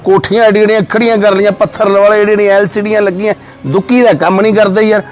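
An actor playing a blunt village elder who lectures and scolds. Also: male voice, high-pitched, little pitch movement, fast talker, soft background music, close to an everyday voice. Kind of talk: village short film acting.

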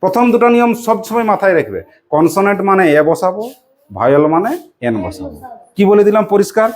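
A woman's voice: medium pitch, sing-song, quick pace, a little mellow. A woman with a West Bengal Bengali accent teaching a primary school English lesson in a classroom, patiently repeating questions and prompting the pupils to answer. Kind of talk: classroom lesson with call-and-response drilling.

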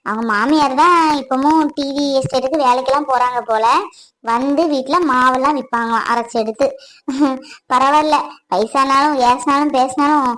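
A woman playing an anxious young wife who has run away from home, speaking softly and pleadingly. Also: high-pitched, fairly even intonation, normal speed, poor audio. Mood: relieved. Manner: worried, pleading, soft. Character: anxious young runaway wife, self-blaming. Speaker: actor. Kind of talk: family comedy-drama acting.

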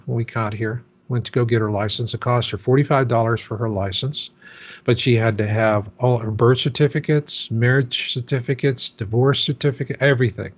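A man in his sixties, a guest in an interview, talking in an emphatic, casual way. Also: mid-range voice. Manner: emphatic, acts out chanting crowds in quotes.

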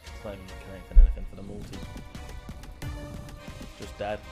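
A man's voice: fairly low pitch, monotone, fairly quick. A man in his twenties giving casual, exasperated, complaining commentary as he streams online slots. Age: 20s. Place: indoor room at a streaming setup. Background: game music.

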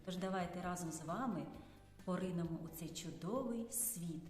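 A woman teacher gently explaining a speech sound to small children in an instructive way. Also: fairly low pitch, normal speed, faint music behind. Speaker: preschool teacher. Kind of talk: children's lesson narration. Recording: roomy hall with reverb.

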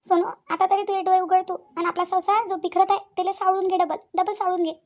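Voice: very high voice, level tone, darkish tone. A voice actor playing an older village aunt with a Vidarbha Marathi accent who gives firm, repetitive advice in a cartoon. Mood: urging. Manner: preachy, repeats points, fast. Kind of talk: cartoon voice acting.

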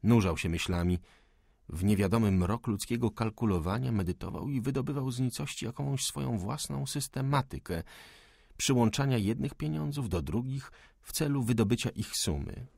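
A male audiobook narrator reads classic prose in a measured, steady storytelling manner. His voice is husky and gravelly. The recording is close and dry, with no room echo. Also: medium pitch.

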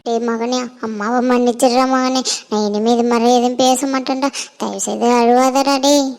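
A woman voicing a grieving mother who pleads softly with her crying son in a homemade cartoon. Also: high voice, fairly even intonation, normal speed, creaky. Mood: tearful pleading. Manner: pleading, soft and tearful.

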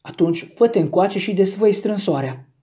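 Play a fierce young rescuer shouting commands, read by a man, mellow tone, in a storybook. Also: high-pitched, lively intonation. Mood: commanding. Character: young man, angry determined dog rescuer.

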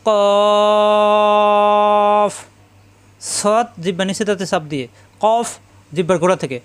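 High, clear-voiced male Quran teacher. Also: expressive. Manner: slow, drilling letter sounds one by one and repeating them; chanted elongated recitation of Arabic letters. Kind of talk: step-by-step pronunciation lesson.

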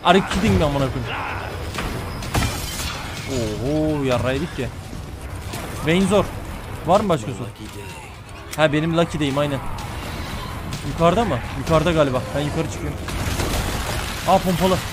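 High-voiced frantic swearing man gaming. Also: brisk, long pauses, heavy background noise. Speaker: gaming streamer. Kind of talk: let's play commentary. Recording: game music loud behind voice.

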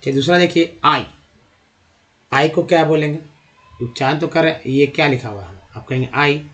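A man's voice: a little high, normal speed, a bit bright. A man teaching English pronunciation, spelling out words letter by letter and asking and answering his own questions. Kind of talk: spoken English lesson.

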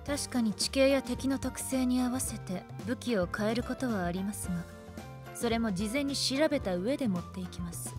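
In an anime-style radio drama, a woman plays a strict, composed magic-academy teacher, scolding precisely with coolly menacing politeness in a strict, instructive mood. Her voice sits on the high side, close to an everyday speaking voice, at a moderate pace. Music plays in the background.

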